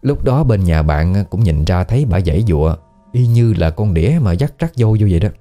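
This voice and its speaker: A man's voice: low voice, a little fast. A man with a Southern Vietnamese accent, telling a ghost story in a casual, conversational way. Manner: conversational, colloquial, lively storytelling. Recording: faint background music.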